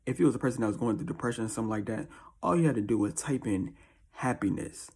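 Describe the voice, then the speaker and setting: A man with a deep, husky early-morning voice, chatting casually as a video host in a slangy, repetitive way. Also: animated, fast talker, darkish tone. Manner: slangy, informal, repeats catchphrases. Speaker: YouTube host. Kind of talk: casual chat to camera.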